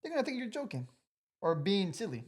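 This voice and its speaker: A man's voice: high voice, huge pitch swings, brisk, slightly rough. Earnest talkative young man. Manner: earnest, talkative, many "like" fillers. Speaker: podcast guest. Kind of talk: casual podcast conversation.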